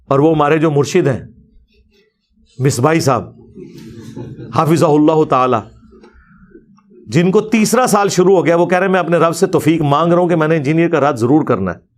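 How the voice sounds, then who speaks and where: Brief: lecturer, high voice, dry sarcasm. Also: male voice. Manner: sarcastic, measured.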